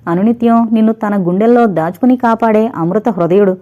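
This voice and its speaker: A woman's voice: medium pitch, a little fast, natural voice. A woman voicing a young woman's inner conscience in a storybook reading, pressing every word emphatically. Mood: urging. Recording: dull lo-fi recording.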